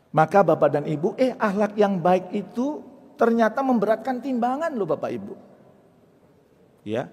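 A man giving a lively religious talk to an audience, jumping between loud high bursts and soft low asides and acting out little scenes. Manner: jokes and acts out little scenes. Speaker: preacher and motivational speaker. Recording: long hall reverb.

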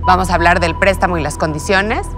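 A woman's voice: fairly low pitch, a little fast. A woman with a Mexican Spanish accent, an investor on a TV panel, asking direct, probing questions. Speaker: investor judge. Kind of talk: TV business panel. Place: TV studio set. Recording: music bed under voice.

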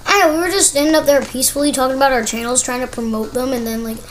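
Brief: high-voiced woman gamer, dry teasing tone, noise behind. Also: fairly even intonation, racing. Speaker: guest gamer. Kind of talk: casual gameplay chat. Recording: noisy background.

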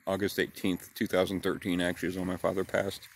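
Low-pitched man in his fifties, pipe clenched in his mouth, unhurried plain storyteller. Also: monotone, vocal fry. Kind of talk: casual personal storytelling.

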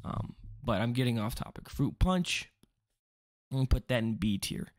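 A man's voice: medium pitch, animated, normal speed, no echo, clean studio sound. A young man rambling through a casual commentary video, joking and interrupting himself often. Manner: rambling, self-interrupting, jokey asides. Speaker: vlogger.

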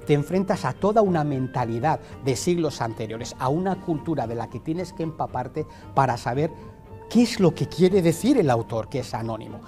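A man's voice: on the high side, a little mellow. Professorial man explaining. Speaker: author and guest; university teacher. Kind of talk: explanatory interview talk.

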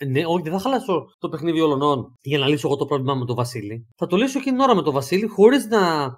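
A playful man joking around as a podcast co-host. He pokes fun at himself as he talks. His voice is slightly high for a man. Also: animated. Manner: joking, playful, self-mocking. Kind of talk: casual joking chat.

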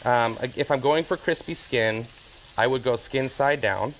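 A man in his thirties, a chef guest, walking through a fish recipe in a relaxed, explaining way with fillers. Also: mid-range voice, measured pace, a little hiss or hum. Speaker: chef and cookbook author guest. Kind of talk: cooking demonstration on morning TV. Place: TV studio kitchen set. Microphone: lapel mic.

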